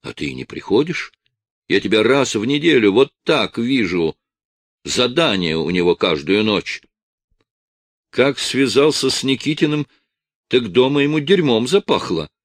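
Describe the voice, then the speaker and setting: A man reading an audiobook voices an angry wife, raising his pitch and volume as she nags, sneers and shouts with hatred. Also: sing-song, a little slow, no room sound. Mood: hateful. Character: angry nagging wife, shrill and spiteful.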